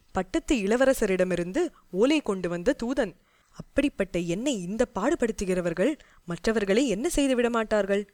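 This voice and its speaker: A woman voicing a bold young male warrior envoy who speaks in rapid, defiant outbursts. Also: medium pitch, a little mellow, no room sound, lightly acted.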